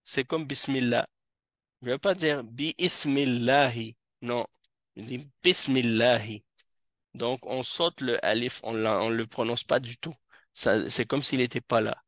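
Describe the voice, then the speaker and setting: A man teaching Arabic grammar to a class, explaining slowly with frequent hesitations. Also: mid-range voice, a bit bright, no echo, studio quality. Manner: slow, hesitant explaining with many fillers. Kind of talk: classroom lesson. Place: mosque classroom.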